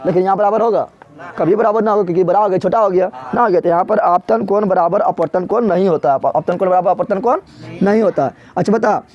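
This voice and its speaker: A man's voice: sits high, darkish tone. A male physics teacher giving a revision lecture, asking questions and answering them himself, repeating each answer, in a rustic colloquial way with everyday village comparisons. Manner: call-and-response drilling, repeats each answer. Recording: dull lo-fi recording.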